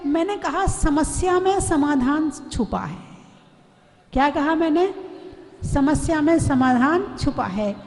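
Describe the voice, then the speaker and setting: A woman Jain nun preaches a devotional sermon in a storytelling way, often turning questions to her listeners. Her voice sits high for a woman. Long reverb from a large hall trails every phrase. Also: lively intonation, slow, darkish tone. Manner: storytelling, asks the audience questions.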